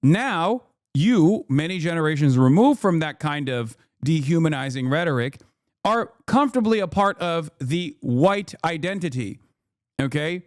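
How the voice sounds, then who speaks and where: A man's voice: on the high side, expressive, measured pace, no echo, clean studio sound. A man doing heated live-stream commentary, blunt and profane as he argues with his chat. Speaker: streamer reacting to clips.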